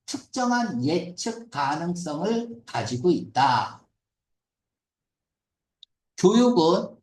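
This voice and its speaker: A man's voice: fairly high pitch, a little mellow, reverberant. A man teaching an English reading passage as a lecture, questioning the class and mixing English words into his explanations.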